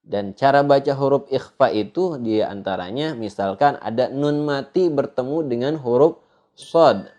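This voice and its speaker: A male religious teacher from Indonesia gives a slow studio lesson on Quran recitation. He speaks at a mid pitch and a very leisurely pace, pausing often on "eh" and "ah". His explained points are measured and plain. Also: lively intonation, mellow, dull audio. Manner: unhurried, hesitant with "eh" fillers, sings out drawn-out recited examples.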